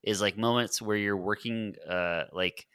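Man, very low pitch, bright forceful tone, halting reflective chat, lots of fillers. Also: steady tone, smooth, no echo, studio quality. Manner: halting, many filler words. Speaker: podcast guest, former band member.

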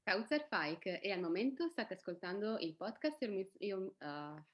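A woman's voice: mid-range voice, lively intonation, a little slow. A woman co-hosting a podcast in casual conversation. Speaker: podcast co-host. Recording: dull lo-fi call audio.

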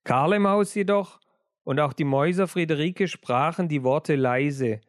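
A man narrating a children's storybook in a measured, storytelling manner. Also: fairly high pitch, no echo, studio quality.

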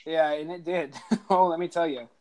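A man's voice: on the high side, steady tone, normal speed, a little mellow. A man co-hosting a podcast over a call, telling stories in a rambling, hesitant way with lots of fillers. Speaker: podcast co-host. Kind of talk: casual chat.

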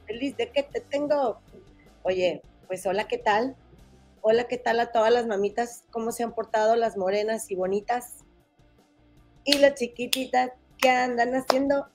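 Hosting a laid-back gossip podcast, a high-voiced woman from Monterrey talks in a chatty, folksy style with a northern Mexican accent. A head cold leaves her sounding stuffy and nasal.

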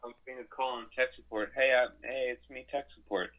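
A man's voice: medium pitch, steady tone, quick pace, phone-quality sound. A young man grumbling and joking casually as a podcast co-host on a call. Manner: grumbling, mumbly, self-mocking.

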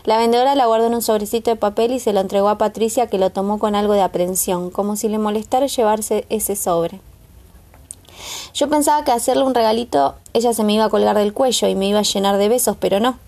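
A woman with a Rioplatense Spanish accent narrating an audiobook in a calm, even storytelling manner. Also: medium pitch, fast talker. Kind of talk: scripted narration.

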